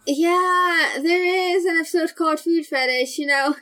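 A woman's voice: extremely high pitch, normal speed, pushed and bright. A woman hosting a podcast in casual chat, recapping in a rambling way that drifts into tangents. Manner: rambling, digressive. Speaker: podcast host.

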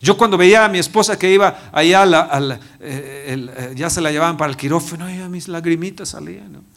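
A man in his fifties, a pastor, preaching a personal testimony with emotion, dropping to a hushed voice and rising again. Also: fairly high pitch, fast. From Mexico. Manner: emotional, swings from loud to hushed. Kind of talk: sermon testimony.

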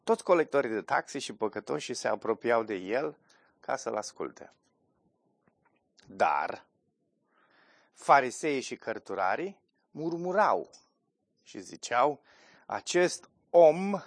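Lively man preaching a sermon. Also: medium pitch, creaky, long pauses, no echo, studio quality. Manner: lively preaching, reads scripture aloud, asks the congregation questions. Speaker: pastor.

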